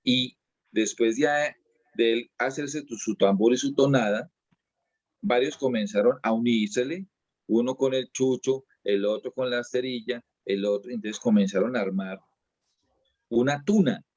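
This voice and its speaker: A man's voice: medium pitch, unhurried, darkish tone, no echo, muffled recording. A man, a dance teacher being interviewed, explaining at length in a casual way and often restarting and repeating his words.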